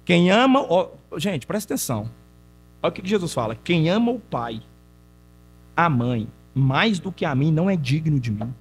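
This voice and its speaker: Conversational preaching man, fairly high voice. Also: moderate pace, a little hiss or hum. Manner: conversational, asks the congregation questions; animated storytelling preaching. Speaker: pastor. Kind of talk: sermon. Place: church.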